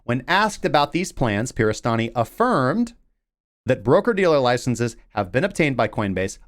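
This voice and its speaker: A man's voice: mid-range voice, sing-song, normal speed. A young man, hosting a livestreamed crypto news show with sarcastic asides and jokes. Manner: jokey, sarcastic asides, mock voices.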